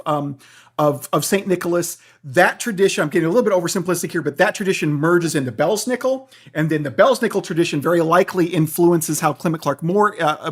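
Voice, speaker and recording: This high-voiced man is a guest professor being interviewed. He explains in a professorial manner and checks in with his listeners along the way.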